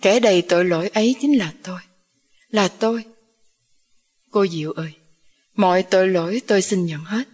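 A woman's voice: medium pitch, normal speed, pauses often, a little mellow, breathy edge, lightly acted. A woman voicing a tearful old grandmother full of guilt, who sobs and pleads. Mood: pleading, remorseful. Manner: sobbing and pleading.

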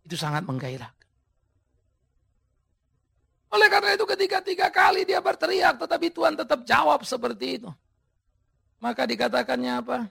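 A male pastor preaching a sermon with dramatic, sudden shouted emphases, speaking straight to his congregation. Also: very high voice, sing-song, a little fast, creaky, pauses often. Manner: addresses the congregation directly.

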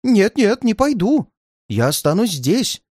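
Man doing a shrill, panicky old man. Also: wildly swooping pitch, unhurried, a little mellow, no room sound, studio quality, full character voice. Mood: frantic, fearful. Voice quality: shrill, shaky, pleading. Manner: frantic outbursts, near tears. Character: frightened paranoid old man, shrill and tearful.

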